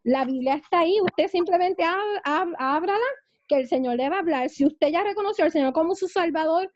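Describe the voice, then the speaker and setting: A woman's voice: very high voice, fairly quick, no room sound, muffled recording. A woman pastor teaching a church seminary class in a fervent preaching manner, often saying amen. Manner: fervent preaching, frequent amens.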